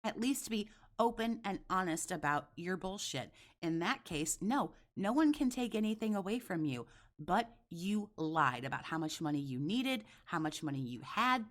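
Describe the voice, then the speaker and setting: A woman's voice: on the low side, animated, moderate pace. A woman giving reaction commentary in a blunt, scolding, sarcastic and sweary way.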